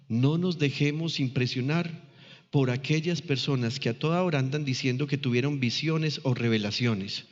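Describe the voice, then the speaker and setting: A man preaching a sermon, teaching the congregation and often checking in with them through questions. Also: medium pitch. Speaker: pastor. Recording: long reverb, dull lo-fi church recording.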